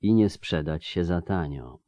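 A man doing a quiet bitter elf, low voice, dry sound. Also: animated, measured pace, no echo. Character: quiet, bitter, head-bowed male elf.

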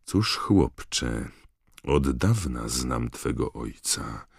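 Gruff old wizard, booming growl, very deep, voiced by a man, dry close sound. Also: very animated, slow, no echo, exaggerated voice. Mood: low menacing. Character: gruff grizzled old male war-scarred wizard teacher.

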